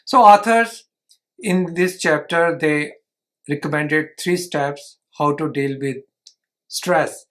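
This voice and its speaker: Man for an informal book-summary lesson, somewhat high-pitched, earnest, repeats himself. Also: slow pace. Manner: earnest, repeats and restarts phrases, non-native phrasing. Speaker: channel host summarizing a book.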